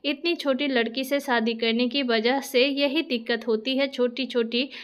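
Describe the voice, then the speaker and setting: Pushy younger brother, read by a woman, impatient, high voice, storybook reading. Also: steady tone, a little slow, smooth.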